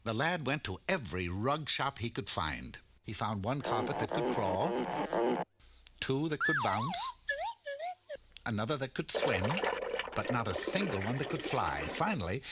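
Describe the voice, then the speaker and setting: A man's voice: medium pitch, very animated, moderate pace, lightly acted. A man narrating a mock fairy tale for a cartoon in a scripted storybook style. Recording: very noisy, buzzy old soundtrack.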